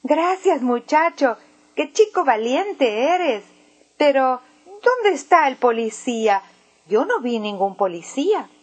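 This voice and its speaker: A woman's voice: sits high, big pitch swings, slow pace, heavily acted. Woman doing Raquel, a flustered older lady. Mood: grateful. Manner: frantic shouting, then warm praise. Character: kind flustered older woman, robbery victim.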